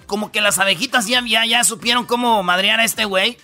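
A man's voice: high-pitched, a little fast, bright, forceful tone, faint music behind. A man with a Mexican accent hosting a radio comedy show, telling news stories in casual slangy banter full of fillers. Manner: slangy, storytelling, lots of fillers.

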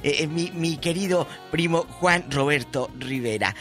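A man's voice: fairly high pitch, normal speed, a bit bright, faint music behind. A man with a Mexican accent hosting a radio talk show, flamboyant and playful with a big theatrical voice. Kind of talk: casual radio chat.

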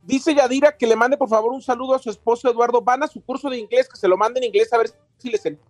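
A man on a radio show relaying listener messages in a relaxed, slightly hesitant way. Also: extremely high pitch, fast, no room sound, clean studio sound, soft background music. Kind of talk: casual radio chat.

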